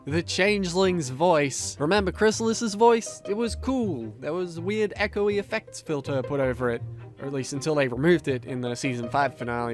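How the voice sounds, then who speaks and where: A man giving a comedic review rant with sarcastic, drawn-out emphasis. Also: on the high side.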